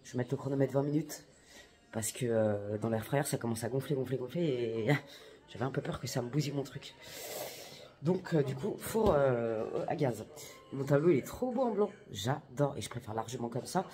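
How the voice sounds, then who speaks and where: This lifestyle vlogger is a young woman talking directly to her audience, all slang and exclamations in a relaxed vlog chat. She has a rumbling low, mellow voice that's expressive and moves at a moderate pace.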